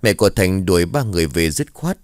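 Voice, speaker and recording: A man narrating a somber village ghost story in a steady storytelling manner. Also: low voice, fast talker, no room sound, clean studio sound.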